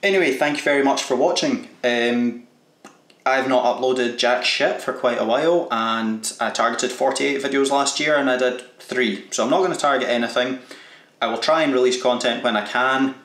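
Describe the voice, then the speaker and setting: A man's voice: mid-range voice, normal speed, a bit bright, echoey room. A man closing his home vlog in a casual, sarcastic, self-deprecating way, swearing freely. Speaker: vlogger. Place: home games room indoors.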